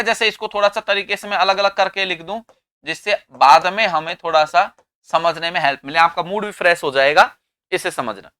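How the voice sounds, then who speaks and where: A man's voice: high-pitched, pushed and bright, clear, resonant tone, no echo. A man teaching an English grammar lesson in Hindi, explaining step by step and asking and answering his own questions, with an Indian English accent.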